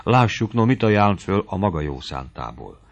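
A man voicing a shy young woman in love, speaking in a hushed, trembling whisper in an audiobook reading. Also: sits low, sing-song. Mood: flustered. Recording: muffled lo-fi recording.

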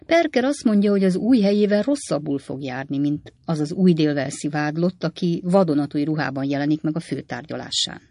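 A reader voicing a cynical, flippant young male law clerk who talks in a mocking, offhand way with swooping pitch, read in a dry studio. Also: expressive, few pauses, darkish tone, no echo, lightly acted.

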